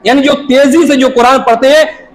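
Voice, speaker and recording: High-pitched man preaching an emphatic sermon. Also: fairly even intonation, moderate pace, a little hiss or hum, rough recording. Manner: emphatic, repeats points for stress. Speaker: Islamic preacher.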